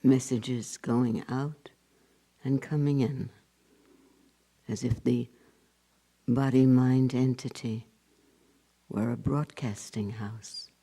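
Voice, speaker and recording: In a guided meditation, a male spiritual teacher speaks in brief phrases separated by long pauses, letting each line trail off into a hush. His mid-range voice stays fairly even in pitch and sounds creaky and husky.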